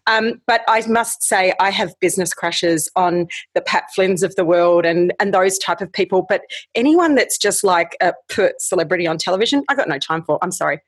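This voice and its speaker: A woman guest on a podcast, a social media strategist, chatting in a bubbly, flattering way. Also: on the low side, moderate pace. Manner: bubbly, flattering, laughs easily. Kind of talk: casual podcast chat.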